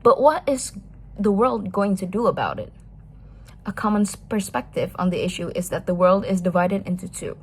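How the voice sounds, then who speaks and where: A woman's voice: medium pitch, darkish tone, slightly rough. A woman interviewer giving a formal, prepared introduction and then asking questions. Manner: measured, formal, reads prepared lines. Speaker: interviewer, host.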